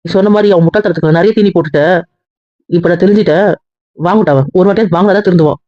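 A man's voice: sits high, racing, a little mellow, no room sound, muffled recording, natural voice. A man playing a blunt male friend who talks matter-of-factly.

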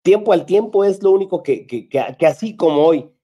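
Brief: Mexican male host, mellow, rambling storyteller. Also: high voice, lively intonation, brisk. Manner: storytelling, many restarts and fillers. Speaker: show host, paparazzo. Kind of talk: casual chat.

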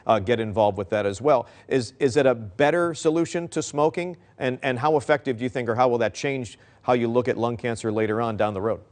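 A middle-aged man anchoring a studio news segment, asking brisk, friendly questions. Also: mid-range voice, darkish tone.

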